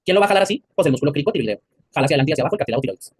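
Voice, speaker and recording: Mexican guy teaching anatomy to a class, slangy and crude, asks them questions, talks super fast, kinda high voice. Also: lively intonation, breathy edge, no room sound. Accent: Mexican Spanish. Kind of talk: classroom lecture.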